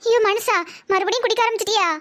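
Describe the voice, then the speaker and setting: Rapid-fire and steady in tone, a woman's voice, a bit bright, brings to life a comedy cartoon's anguished, scolding middle-aged wife and mother. She uses a Tirunelveli Tamil accent with a shrill, wailing manner.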